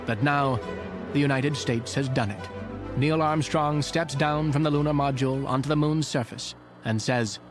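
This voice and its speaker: A man's voice: mid-range voice, normal speed, over music. A man reading scripted historical narration as a documentary narrator in a voice-over. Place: voice-over recording with music behind.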